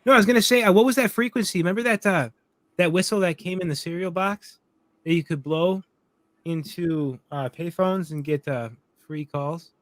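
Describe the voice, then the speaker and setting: Man, casual podcast guest, halting, slightly higher voice, dry close sound. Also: fairly bright tone, no echo. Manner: halting, repeats himself, searches for words. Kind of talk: casual chat.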